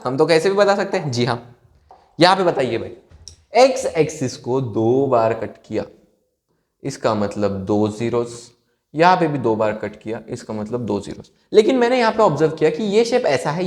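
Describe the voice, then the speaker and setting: A man's voice: on the high side, darkish tone. A young man from India teaching maths in a casual, playful way, posing questions and answering them himself. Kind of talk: casual classroom explanation.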